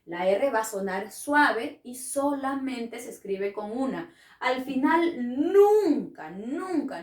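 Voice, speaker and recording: A woman's voice: high-pitched, a bit bright, far from the mic. A woman teaching a spelling lesson to children, patient and coaxing, often asking the class questions. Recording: echoey room, voice from off-mic.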